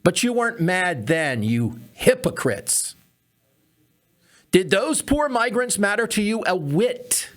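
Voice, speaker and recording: A man's voice: high voice, expressive, measured pace, few pauses, fairly bright tone. A man hosting a comedy podcast, giving sarcastic political commentary full of mocking rhetorical questions.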